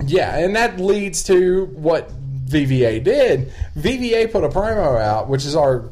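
A man's voice: on the high side, very animated, a little slow, darkish tone. A man who works in local TV news, chatting casually with friends, rambling and swearing as he tells stories. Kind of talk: casual chat.

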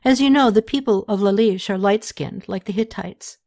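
A woman's voice: medium pitch, moderate pace, darkish tone, lightly acted. A woman voicing a young, troubled ancient king who explains matters earnestly.

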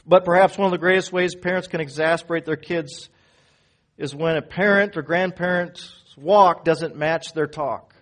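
A man preaching a sermon as pastor in a church, swinging from loud emphatic peaks down to low quiet phrases. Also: steady tone, normal speed. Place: church sanctuary.

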